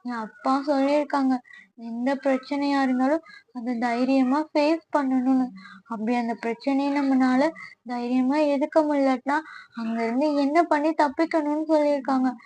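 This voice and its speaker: A woman voicing a young man who has lost his family and brood over revenge, in a quiet, sorrowful storytelling voice. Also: high-pitched, close to an everyday voice. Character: young man, grieving and vengeful, alone.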